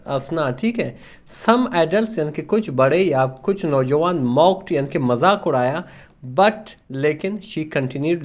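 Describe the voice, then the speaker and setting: A man, teaching English by reading a story line by line, translating each word and answering his own questions. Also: a little high.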